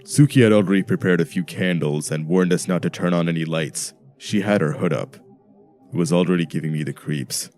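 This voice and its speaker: A man narrating a first-person horror story in a steady storytelling manner. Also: deep voice, a little fast. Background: soft background music.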